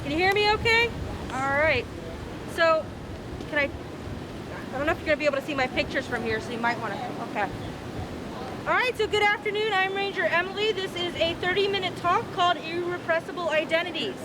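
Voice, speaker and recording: A woman's voice: extremely high pitch, expressive, fairly quick. A woman from the American South giving a guided talk as a park ranger, friendly and asking the crowd questions. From southern United States. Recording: clear boat engine and wave noise.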